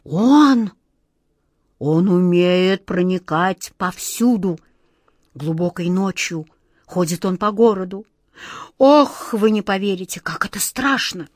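A woman's voice: fairly low pitch, animated, no room sound, clean studio sound. Woman doing a sighing, fearful old aunt. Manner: sighing, hushed, slow.

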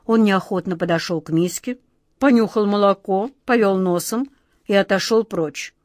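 A woman narrating a children's fairy tale in an even, expressive reading style. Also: mid-range voice, normal speed, dry recording, clean studio sound. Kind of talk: storybook reading.

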